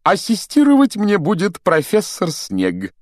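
Guy reading an audiobook doing a pompous show-off wizard teacher, high and loud, lots of swoops. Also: wildly swooping pitch, unhurried, dry recording, clean studio sound, full character voice. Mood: pompous, showy. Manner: grandiose, self-admiring, booming. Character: vain, showy male wizard teacher, theatrical. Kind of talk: audiobook character voice.

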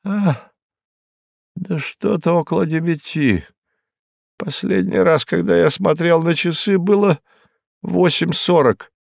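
A man voicing a frightened, beaten, surly hard-drinking man who talks in a hoarse, rasping voice and breaks into shouts. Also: fairly high pitch, takes it slowly, pauses often, no echo, clean studio sound, pitched above the performer's own voice, heavily acted. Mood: sullen. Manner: sullen, then bursting into shouts.

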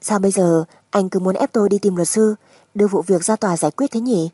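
A woman narrator plays a wife who has made up her mind in a dramatic audiobook. Her voice is mellow and slightly husky, recorded very dry. She stays composed, firm and insistent. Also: mid-range voice, brisk, no room sound, lightly acted. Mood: calm, resolute. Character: resolute, composed young wife demanding a divorce.

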